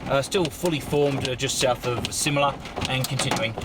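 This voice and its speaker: A man storm chasing and reporting live, with an urgent, excited delivery that repeats phrases. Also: medium pitch, normal speed. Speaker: storm chaser and spotter. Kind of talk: live storm chase reporting by radio and to himself. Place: outdoors and in a vehicle during a storm. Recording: loud wind and rain, distant mic, vehicle noise.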